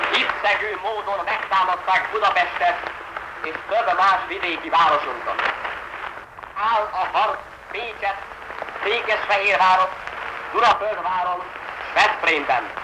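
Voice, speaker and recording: A man's voice: high-pitched, measured pace. A man from Hungary reading a formal, urgent appeal over a pirate shortwave radio broadcast, heard under heavy jamming. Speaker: rebel radio announcer. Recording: loud static over a jammed shortwave archive broadcast.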